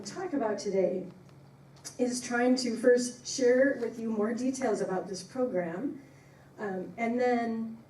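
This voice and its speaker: A woman gives an informal, appreciative presentation in a soft-edged, mellow voice. She is emphatic in her phrasing. The recording is echoey and a little distant, with faint noise. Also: on the high side. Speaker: biology professor giving a talk.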